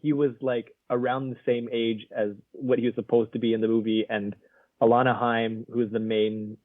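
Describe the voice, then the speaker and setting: A man co-hosts a casual film review podcast, rambling with plenty of fillers and frequent laughs. His medium-pitched voice stays flat at a normal speed, with no echo and a narrow, phone-like sound.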